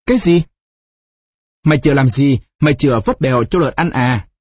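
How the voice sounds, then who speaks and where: A narrator voicing an anxious middle-aged village mother who asks in a hasty, shrill way. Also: a little fast, breathy edge, no room sound, highs cut off, natural voice. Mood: alarmed.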